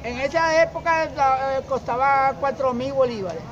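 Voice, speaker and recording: A middle-aged man from Zulia with a Venezuelan accent, answering a street interview haltingly and often repeating words. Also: very high voice, a crowd in the background. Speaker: interviewee, former street newspaper seller. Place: outdoor fruit stall on a city street. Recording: muffled, with loud street noise.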